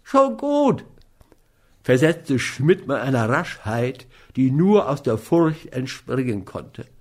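A man narrating a classic novel as an audiobook, measured and steady. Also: medium pitch, husky. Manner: slow, measured. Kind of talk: audiobook reading.

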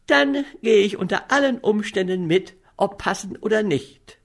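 A man's voice: high voice, very animated, takes it slowly, gravelly, voice pushed up, exaggerated voice. A man voicing an eager, teasing young woman. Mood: enthusiastic. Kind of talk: audiobook character voice.

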